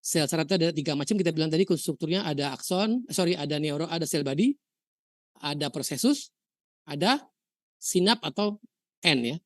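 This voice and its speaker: Woman lecturing with lively rhetorical questions. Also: low-pitched, fairly quick, pauses often, no echo, studio quality. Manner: mixes English terms into explanation. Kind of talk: university lecture.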